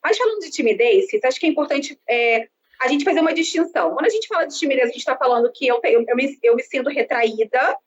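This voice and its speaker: A Brazilian saleswoman in her 30s, who calls herself an outgoing talker, speaks in a high voice at a racing pace during a conversational livestream interview. She is expansive and lively, with a Brazilian Portuguese accent. The call audio is dull and lo-fi, with faint background noise.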